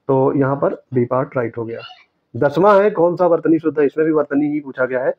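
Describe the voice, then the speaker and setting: A man teaching, going through exam questions and correcting each answer step by step, repeating the right words slowly. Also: medium pitch, no room sound. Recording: dry, dull lo-fi sound.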